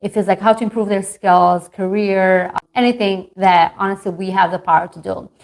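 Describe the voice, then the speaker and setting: A woman's voice: mid-range voice, fairly even intonation, normal speed, creaky, darkish tone. A woman speaks as a business coach to an online group. Her delivery is chatty and heartfelt, full of casual fillers. She sounds like she is talking on a video call. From Albania. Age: 30s. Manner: chatty and earnest, many fillers. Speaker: marketing coach and company founder. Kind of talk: motivational talk to an online group.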